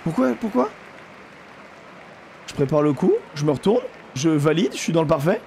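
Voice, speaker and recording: A man hosting a gaming video, giving live commentary on his play, excitable and swearing often, repeating exclamations and talking straight to his viewers. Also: on the high side, fast, slight background noise. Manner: addresses viewers directly.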